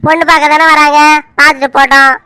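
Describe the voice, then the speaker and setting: A woman voicing a calm young man who brushes off his girlfriend's worries in a family drama. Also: sits high, very fast, no room sound. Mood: reassuring.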